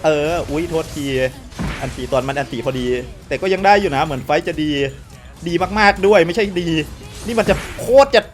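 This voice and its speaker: A man with a slight cold giving excitable gameplay commentary to viewers, often exclaiming and repeating words. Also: a little high, a little fast, soft background music. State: has a cold, voice sounds odd. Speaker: game streamer.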